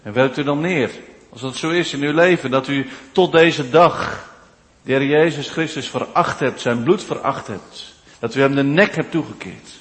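A man preaching a sermon in a church, rising from hushed, low passages to loud, drawn-out declaiming. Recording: long church reverb.

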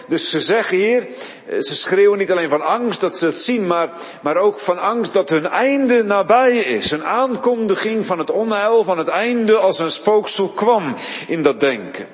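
A man's voice: high-pitched, long reverb tail. A man preaching a sermon, retelling a Bible story with dramatic storytelling and frequent word repeats.

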